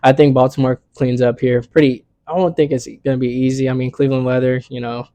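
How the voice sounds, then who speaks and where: A man's voice: medium pitch, level tone, quick pace, warm tone, no echo. A young man hosting a casual sports picks vlog, talking in a laid-back, slangy way full of "you know what I'm saying".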